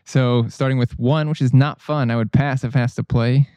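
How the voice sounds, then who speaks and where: A man's voice: medium pitch, normal speed, no room sound. A man co-hosting a board game podcast, chatting casually and rambling a little with restarts. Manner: relaxed, rambling with restarts and fillers.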